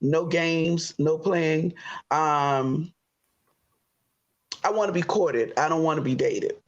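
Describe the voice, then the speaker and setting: A woman in her fifties from Florida introducing herself on a dating show, chatty, pausing often on "um" and quick to laugh. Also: sits low, dull audio. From Florida, USA. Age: 50s. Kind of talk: casual self-introduction. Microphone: computer on a video call.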